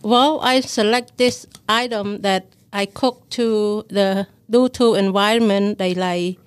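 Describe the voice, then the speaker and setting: A woman from Thailand who runs a restaurant, answering interview questions politely in halting, simple English. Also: mid-range voice, fairly even intonation, clear, resonant tone, dry recording. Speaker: food court restaurant owner. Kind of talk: interview guest.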